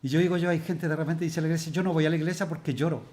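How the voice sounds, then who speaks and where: A fairly high-pitched man preaches a Bible study, posing rhetorical questions to his listeners. When he reads scripture he slows down and stresses each phrase. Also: fairly even intonation, darkish tone. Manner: slows down and stresses words when reading verses. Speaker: pastor.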